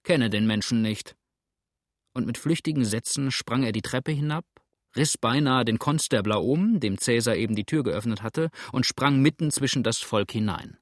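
A man reading a novel aloud as narrator in a steady storytelling manner. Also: mid-range voice, normal speed, dry recording, clean studio sound. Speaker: audiobook narrator.

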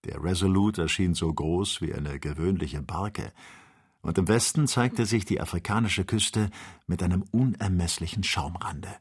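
Low husky guy reading an old adventure novel, steady and measured. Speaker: audiobook narrator. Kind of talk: scripted narration of a classic novel.

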